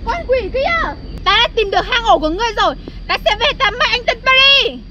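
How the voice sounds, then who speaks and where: A woman playing a cheeky young woman helper, lively and playful in a comedy skit. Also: extremely high pitch, fairly quick, background noise.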